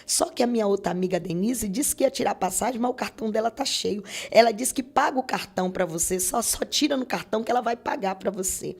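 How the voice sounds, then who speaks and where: A middle-aged woman with a Brazilian Portuguese accent tells a religious testimony in an earnest storytelling way. She acts out the dialogue she remembers as she goes. Her voice sits at an ordinary mid-range pitch for a woman. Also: fast talker, hardly any pauses, darkish tone, breathy edge. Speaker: church member giving testimony.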